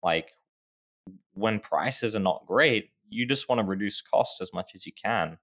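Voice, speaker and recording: A young man in his twenties with a deep, gravelly voice talks through his company's tech on a podcast. He restarts sentences often and leans on fillers as he explains. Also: measured pace, a bit bright. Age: 20s. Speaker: startup founder guest. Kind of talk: casual podcast interview.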